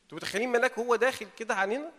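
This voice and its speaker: A man with an Egyptian Arabic accent preaching an informal sermon, animated and asking his audience rhetorical questions. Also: very high-pitched, very fast, long reverb tail. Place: meeting hall.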